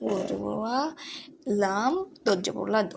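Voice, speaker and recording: A woman teaches Quran reading in a slow spelling-out recitation lesson, naming each letter and vowel mark one at a time before joining them into words. Her medium-pitched voice is gravelly, steady and unhurried, over a noisy background.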